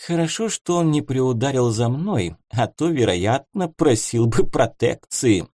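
Audiobook figure: a man playing a wry, teasing young noblewoman, lightly raised pitch, dry sound. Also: animated, measured pace, darkish tone, dry recording. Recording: dry close studio sound.

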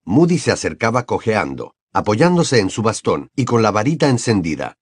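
A man's voice: on the low side, normal speed, breathy edge, no echo, clean studio sound. A man narrating an audiobook expressively. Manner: expressive storytelling.

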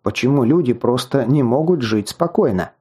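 A man narrating a fantasy novel in the first person, in an even, storytelling manner with wry asides. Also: medium pitch, normal speed, slightly rough. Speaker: audiobook narrator.

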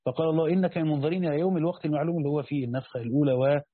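A man's voice: on the high side, steady tone, rapid-fire, slightly rough, no echo. A man with an Egyptian Arabic accent teaching a classical Quran commentary, reading the text aloud, explaining it, and asking and answering his own questions. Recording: tinny phone-like lo-fi recording.

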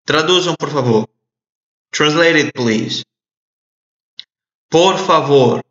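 A man teaching English in a recorded audio lesson, repeating phrases slowly and clearly for learners to translate. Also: fairly high pitch, a bit bright. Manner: slow, deliberate drilling with repeated phrases. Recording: echoey, dull lo-fi audio.

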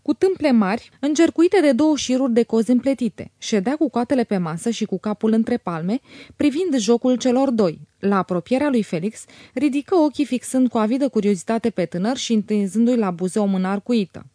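Lady narrating an old novel, measured, mellow voice, dry close mic. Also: a little high, animated, dry recording. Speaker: audiobook narrator. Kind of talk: scripted narration of a classic novel.

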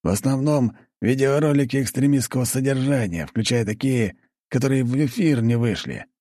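A man voicing a blunt, gruff count. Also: medium pitch, moderate pace, mellow, no room sound, studio quality, voice pushed up, natural voice. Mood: sardonic. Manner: blunt, swearing, sardonic. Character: blunt chain-smoking male count, gruff official.

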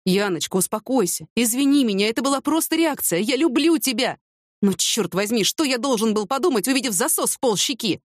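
A woman's voice: fairly high pitch, expressive, fairly quick, no room sound, studio quality, voice pushed up. A woman reading an audiobook, voicing an injured, weary male police major who complains in an exasperated way. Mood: pleading.

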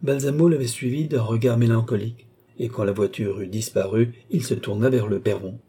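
Brief: male audiobook narrator, measured and steady, dark husky timbre. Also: mid-range voice. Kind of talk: audiobook narration of a classic novel.

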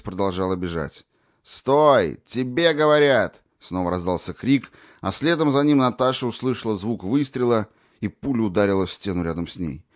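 A man reading an audiobook in an expressive narrating voice. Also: low voice, no room sound, studio quality. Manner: expressive, varied.

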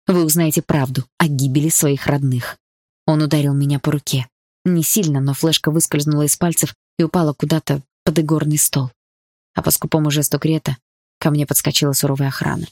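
A woman's voice: sits low, level tone, quick pace, darkish tone, dry recording, clean studio sound. A woman reading a first-person novel aloud in a tense, earnest manner. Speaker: audiobook narrator.

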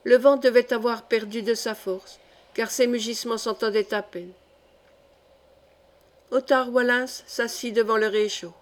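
A woman narrating a science-fiction story as an audiobook reader, in a measured, dramatic way. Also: a little high, fairly even intonation.

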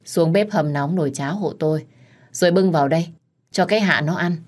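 A woman voicing a brisk, bossy older mother-in-law who gives quick orders. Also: sits low.

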